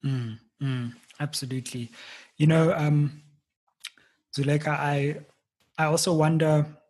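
An interviewer asking long, thoughtful questions, pausing often on fillers. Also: medium pitch, fairly even intonation, a little mellow, slightly rough. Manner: thoughtful, hesitant, with many fillers.

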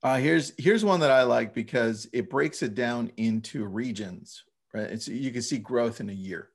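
A male podcast co-host talks in a casual, emphatic way. His mid-pitched voice has a noticeable creak and gravel to it. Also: moderate pace. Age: 30s or older.

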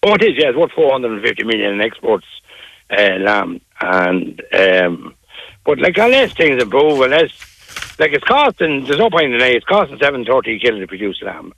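A man's voice: medium pitch, very animated, a little fast, vocal fry, a bit bright, no room sound, poor audio. An Irish man speaking unscripted as a guest in a radio interview, repeating phrases for emphasis.

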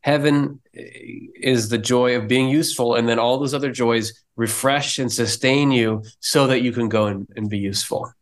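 A man's voice: mid-range voice, fairly even intonation, moderate pace, hardly any pauses. A man co-hosting a podcast, explaining religious ideas in an earnest, conversational way with frequent restarts. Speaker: podcast co-host. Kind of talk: casual theological discussion.

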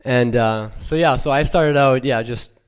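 In a clear, resonant mid-range voice, a young unaccented Ukrainian man delivers a sincere church testimony. It comes out haltingly, crowded with fillers and restarts.

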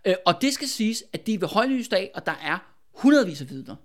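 A man hosting a history podcast, telling the story in a casual, animated way with plenty of fillers and tag questions. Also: sits high. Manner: animated, many fillers and "ikke?" tags.

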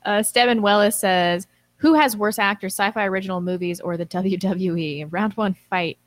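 A woman's voice: mid-range voice, normal speed, no echo. A woman co-hosting a casual talk show, reading out listener messages and commenting in a blunt, informal way.

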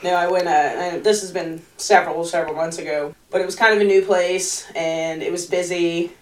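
A woman's voice: on the low side, brisk. A woman co-hosting a casual podcast, telling stories from restaurant work and acting out the people in them. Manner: animated storyteller, acts out quotes loudly. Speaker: podcast co-host and server. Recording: roomy, distant from the mic.

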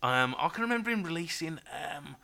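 A man's voice: fairly high pitch, expressive, brisk, bright, forceful tone. A man hosting a casual podcast chat, stopping and starting as he digs for names. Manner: chatty, stop-start, trails off recalling names. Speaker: podcast host.

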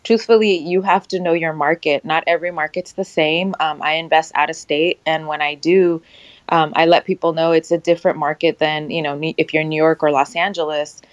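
A woman's voice: sits low, fairly even intonation, a little fast, no room sound. A woman who invests in real estate, speaking on a panel in a confident, matter-of-fact way. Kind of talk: panel discussion.

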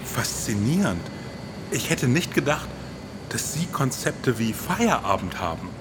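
Unhurried but full of big pitch swings, this mid-range male voice sits against a noisy background. He's a podcast co-host in his forties delivering scripted, performative lines in an enthusiastic, colloquial manner, with music underneath and long reverb.

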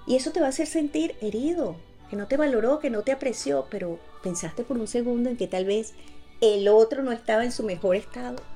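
A woman hosting a weekly video talk on communication. She speaks in a calm, earnest way and often acts out everyday dialogue. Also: on the high side. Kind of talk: reflective motivational talk.

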